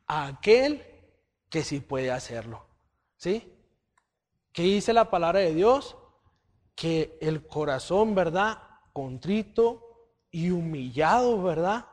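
A man's voice: fairly high pitch, animated, slow pace, pauses often, a little mellow. A man giving a conversational Bible teaching, often checking in with his listeners. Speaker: church teacher.

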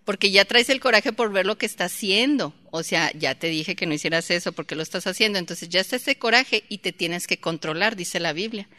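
Woman, church teacher, bright and sharp tone, conversational delivery with audience questions. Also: mid-range voice, brisk, few pauses. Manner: acts out shouting mother and child in quotes. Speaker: Bible teacher.

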